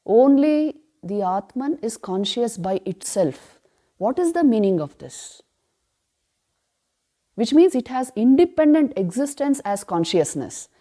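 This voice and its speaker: Woman teaching with mellow emphasis. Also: fairly high pitch, very animated. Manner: emphatic, asks rhetorical questions then answers them; chants verses slowly. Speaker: spiritual teacher. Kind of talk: retreat class on scripture.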